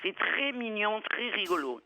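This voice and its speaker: A woman's voice: medium pitch, very animated, a little slow, pushed and bright, no room sound, low-quality recording. A woman film critic giving blunt, irreverent reviews on a radio talk show, with salty language.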